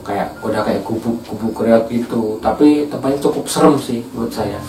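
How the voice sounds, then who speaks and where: A man's voice: mid-range voice, moderate pace, a little mellow, far from the mic, faint music behind. Man telling a horror story for a podcast, chatty, echoey room, sits back from the mic. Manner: chatty, addresses listeners as guys. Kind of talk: casual horror story narration.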